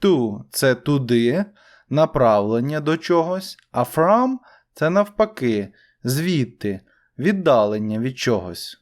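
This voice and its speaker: A man's voice: mid-range voice, big pitch swings, slow. A young man teaching an English lesson. He repeats each English phrase and then translates it.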